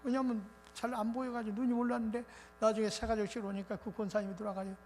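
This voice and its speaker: A male pastor preaching a revival sermon in an animated, colloquial storytelling way. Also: high-pitched, rapid-fire. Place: church sanctuary. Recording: reverberant church hall with faint noise.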